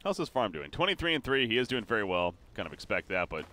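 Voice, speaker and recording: A man casting a live competitive video game match, calling the plays quickly and getting excited at the big moments, with frequent fillers and restarts. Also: fairly low pitch, a little hiss or hum. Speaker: esports caster.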